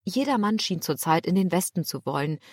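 Lower-voiced woman narrating an audiobook. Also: lively intonation, brisk, no echo, clean studio sound. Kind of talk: scripted narration.

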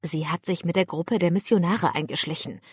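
A woman's voice: fairly low pitch, a little fast, darkish tone, husky, no room sound, studio quality. A woman voicing a young male sailor who reports urgent news to his captain in an audiobook.

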